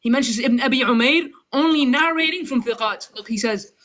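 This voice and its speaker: A man's voice: very high-pitched, quick pace, bright, forceful tone. A man in a heated online debate, combative and mocking, reading sources aloud to score points.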